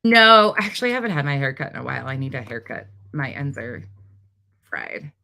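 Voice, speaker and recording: Her voice extremely low and gravelly, a middle-aged North Dakota woman talks a little fast while chatting on her casual livestream and reading comments. She has a light North Dakota accent and is blunt, profane, and animated.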